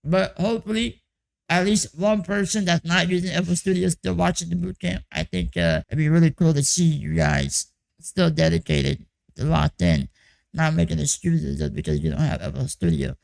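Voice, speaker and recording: A young man's hoarse, raspy, croaky voice, fairly high with lively intonation, carries a casual vlog check-in on his music production boot camp at a moderate pace. He rambles loosely, full of "like" and "you know," over a rough recording.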